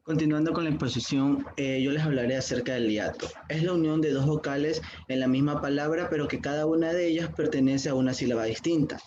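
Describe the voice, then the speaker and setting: A man's voice: a little high, a little fast, hardly any pauses, a little mellow, highs cut off, slight background noise. A man student opening and giving part of a class presentation, reading steadily with small hesitations. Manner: reads steadily with occasional "eh" fillers.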